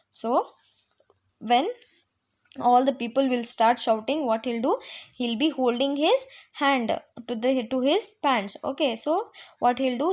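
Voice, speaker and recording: A woman with an Indian English accent, teaching a story lesson with slow, repetitive explanations and fillers. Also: on the high side.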